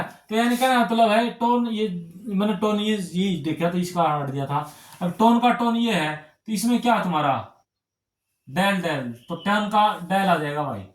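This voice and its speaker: A man with a high-sitting voice gives a whiteboard reasoning lesson for exams in a roomy-sounding space. He often checks in with students, calling them brother and friends, repeating himself and asking "ठीक है ना".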